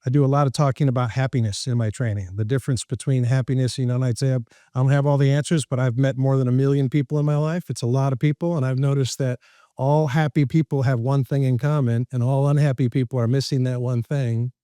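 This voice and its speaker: Male motivational speaker as podcast guest: mid-pitched, animated, quick to joke, close and dry. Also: no room sound. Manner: lively, jokey, laughs at his own lines. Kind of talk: animated storytelling in conversation.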